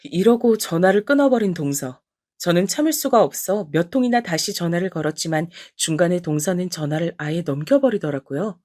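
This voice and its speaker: A woman's voice: lowish voice, a little mellow, no room sound, studio quality. A middle-aged woman narrating her own family story in a dramatized way, sounding aggrieved and indignant.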